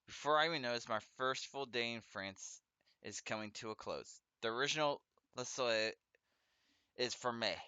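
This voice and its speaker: Bright-voiced man with a slight lisp. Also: medium pitch, moderate pace, clean tone, no echo. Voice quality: speech impediment, trouble with S and R sounds, a slight lisp. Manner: stumbles over foreign words, self-correcting and chatty. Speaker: let's play host. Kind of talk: casual gameplay commentary, reading game text aloud.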